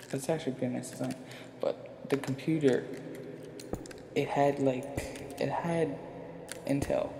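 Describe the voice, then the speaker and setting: Here a young man with a mid-range voice and vocal fry rambles through casual gameplay commentary on YouTube, self-deprecating throughout. Wearing a retainer gives him a slight speech impediment. Music plays in a noisy, roomy, echoing recording.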